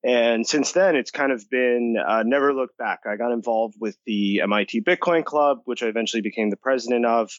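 A man's voice: medium pitch, brisk, few pauses, no room sound, muffled recording. A young man from the United States, an enthusiastic podcast guest talking casually with lots of fillers. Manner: enthusiastic, talkative, many "like" fillers. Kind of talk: casual interview talk.

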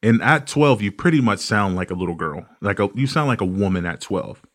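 Male podcast host, low voice, profane animated ranter. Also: fairly quick. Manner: profane, ranting, animated storytelling. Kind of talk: casual comedic podcast monologue.

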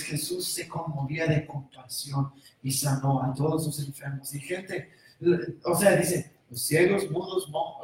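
A male preacher giving a sermon, moving between quiet musing and loud shouting. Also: fairly high pitch. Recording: roomy echo from far off.

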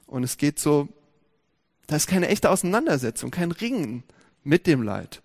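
A man preaching a sermon, speaking lively and directly to his congregation with many rhetorical questions. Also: a little high, moderate pace.

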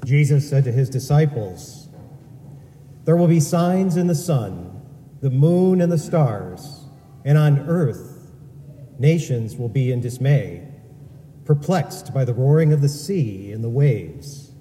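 A man solemnly proclaiming a Gospel reading at Mass in a large church, with a slow and measured delivery and a cathedral-like echo around his voice. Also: medium pitch, big pitch swings, mellow, slight background noise. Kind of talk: solemn liturgical scripture reading. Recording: long church reverb, distant mic, faint ambience.

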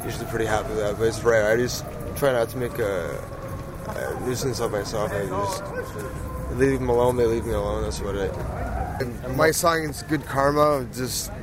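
A man's voice: medium pitch, moderate pace. A stoned man in his thirties from Toronto with a Canadian accent, talking about himself in a loose, rambling, matter-of-fact way in a casual interview. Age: 30s. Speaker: street interviewee. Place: outdoors on a city street. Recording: loud outdoor traffic noise. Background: cars and urban ambience.

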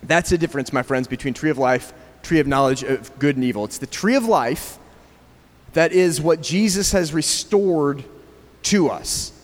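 A man's voice: a little high, moderate pace. A man preaching a sermon at a church gathering, talking conversationally and asking the congregation questions. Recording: long reverb of a large room.

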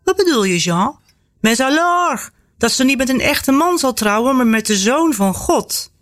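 A woman's voice: high voice, lively intonation, a little slow, soft background music, voice pushed up. A woman voicing a playful, mischievous young girl who chirps and drops French words into her talk.

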